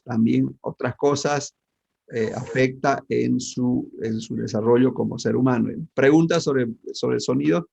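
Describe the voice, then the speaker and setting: Guy teaching physics online, gravelly and a bit husky, keeps asking the class stuff, kinda dull lo-fi sound. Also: mid-range voice, darkish tone. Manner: asks the class questions constantly, with many tag questions.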